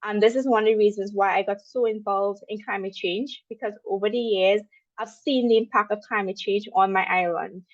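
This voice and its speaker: A young woman with a Trinidadian accent talks through a webinar presentation in a loose, conversational way, full of ums and small asides. Her voice sits at a middle pitch. The sound is dry and a little dull, like an online call. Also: steady tone, brisk, no room sound. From Trinidad and Tobago. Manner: chatty, with frequent ums and asides. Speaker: webinar speaker.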